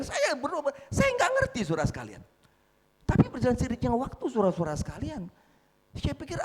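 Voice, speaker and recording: A man preaching a sermon in a church, often addressing the congregation as brothers and sisters, swinging between loud emphatic peaks and quiet asides. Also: high voice. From North Sumatra, Indonesia. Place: large church hall. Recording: echoey hall with long reverb.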